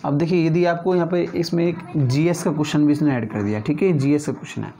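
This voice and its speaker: A man with a mellow, darker voice leads an exam-prep lesson. He talks through each question in a conversational teaching manner, regularly pausing to check in with his students. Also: a little high, slight background noise.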